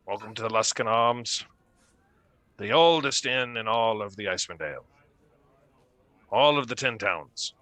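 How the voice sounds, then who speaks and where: Man voicing a polite human innkeeper, very low pitch, slow, courteous. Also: lively intonation, bright, forceful tone, no echo. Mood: welcoming. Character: polite human male innkeeper, wary and mannerly.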